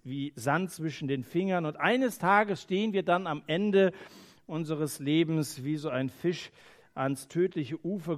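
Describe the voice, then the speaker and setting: A man preaching a sermon in earnest, moving between emphatic lines and quiet, hushed phrases, with the odd hesitation as he thinks aloud. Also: fairly high pitch.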